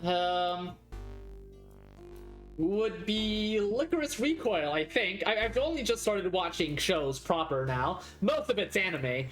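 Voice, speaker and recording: Lively woman streamer, halting chatter. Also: fairly low pitch, soft background music. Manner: hesitant, lots of ums and restarts. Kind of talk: live game playthrough, reading dialogue aloud.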